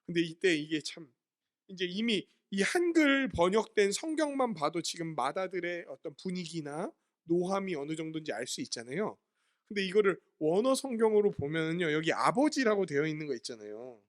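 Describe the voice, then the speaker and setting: A man's voice: sits high, big pitch swings, normal speed. A man preaching a sermon as pastor, asking his listeners questions and answering them himself while explaining words from the Greek Bible.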